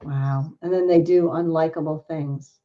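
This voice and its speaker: A woman's voice: low voice, fairly even intonation, unhurried, lo-fi sound. A middle-aged woman hosting an interview, effusive and emotional, with many exclamations. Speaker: host. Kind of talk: casual interview chat.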